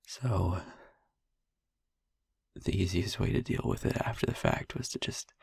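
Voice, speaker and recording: Playing a haunted, tender, wry young vampire boyfriend in an intimate audio roleplay, a man uses an exaggerated voice on the low side, hushed, breathy and husky, pausing long and haltingly. The recording is dry.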